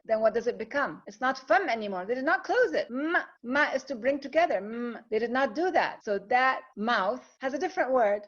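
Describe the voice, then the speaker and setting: Woman, religious lesson, patient explaining, lo-fi muffled audio. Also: on the high side. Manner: explanatory, frequent self-corrections and repetitions. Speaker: Quran teacher. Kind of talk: religious lesson on Arabic language. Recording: muffled lo-fi recording.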